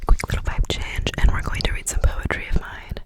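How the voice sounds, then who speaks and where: A woman whispering close to the mic in an ASMR poetry reading, softly repeating words as triggers. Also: brisk, low-quality recording. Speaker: ASMR creator.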